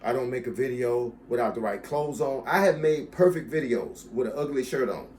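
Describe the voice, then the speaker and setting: A man's voice: mid-range voice, expressive, normal speed, a little mellow, a little hiss or hum. A man in his fifties, a fitness coach, talking casually to camera and addressing viewers directly. He is emphatic and drives his points home by repeating key phrases. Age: 50s. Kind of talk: casual talk to camera about his channel.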